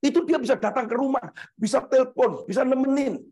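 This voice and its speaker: A middle-aged man from Indonesia, a pastor preaching a sermon in an animated way, acting out quoted voices. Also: extremely high pitch, brisk.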